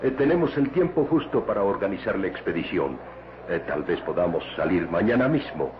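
A man's voice: sits low, very animated, brisk. An actor playing a polite, mild professor and father in an old radio drama, hesitant and explanatory. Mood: flustered, polite. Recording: noisy dull lo-fi radio recording.

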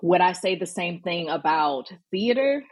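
Husky low-voiced Southern woman guest. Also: lively intonation, unhurried. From Alabama, US South. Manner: thoughtful, hesitant, with fillers. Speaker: guest performer. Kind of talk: casual interview chat.

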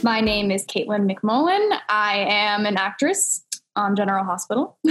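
A woman's voice: medium pitch, animated, unhurried, a bit bright, soft background music. A young woman, an actress answering interview questions casually, full of "like" and "um". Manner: casual, many fillers like "like" and "um". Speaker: actress, guest.

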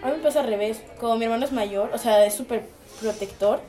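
A woman chatting as a podcast co-host, an animated storyteller who laughs often. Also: fairly high pitch, quick pace, a faint crowd. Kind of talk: casual chat.

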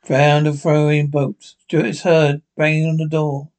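A man's voice: on the high side, level tone, unhurried, a little mellow. A man reading a radio drama script aloud, including its stage and sound directions. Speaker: script reader.

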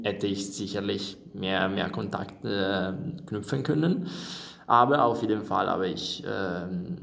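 A man's voice: on the low side, vocal fry, fairly bright tone. A young man from Italy speaking German with an Italian accent as an interviewed exchange student, searching for words with many fillers and restarts. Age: young adult. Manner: hesitant, many fillers and restarts in a second language. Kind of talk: casual interview answers.

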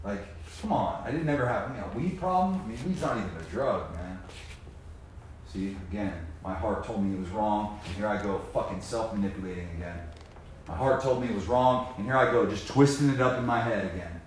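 A man's voice: brisk, a little hiss or hum. Echoey, swearing man preaching sobriety. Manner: swings from low muttering to loud emphatic preaching, heavy cursing, slangy. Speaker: motivational speaker on sobriety. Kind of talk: impassioned motivational monologue. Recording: very echoey room.

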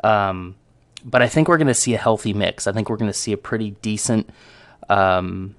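A man's voice: fairly low pitch, normal speed, a bit bright, no room sound. A man hosting his own audio show, talking casually and reflectively to listeners about himself. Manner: reflective, conversational, self-aware. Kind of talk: casual solo talk. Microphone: close studio microphone.

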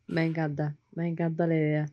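A woman co-hosting a casual podcast chat, relaxed and agreeable, answering with short affirmations. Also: low-pitched, a little fast. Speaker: podcast co-host. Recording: dull lo-fi sound.

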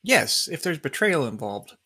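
A man's voice: on the high side, big pitch swings, moderate pace, bright, forceful tone, husky, dry recording. A man playing a tabletop game, thinking aloud in an easygoing way. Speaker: player. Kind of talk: casual tabletop game play.

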